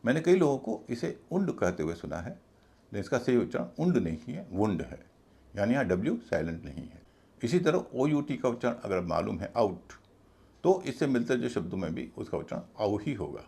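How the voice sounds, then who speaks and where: A man's voice: medium pitch, sing-song, normal speed, vocal fry, warm tone. A man teaching English pronunciation in a video lesson, spelling out each word letter by letter before stressing the right sound.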